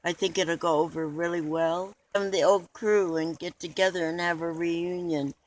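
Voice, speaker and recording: A man's voice: a little high, fairly even intonation, normal speed, poor audio. A man being interviewed in a mock documentary, talking in an earnest, rambling way with restarts.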